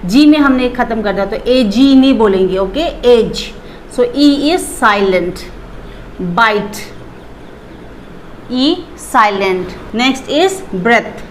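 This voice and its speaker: A woman's voice: a little high, slight background noise. A woman teaching a pronunciation lesson, spelling out letters and repeating each word. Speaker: English teacher.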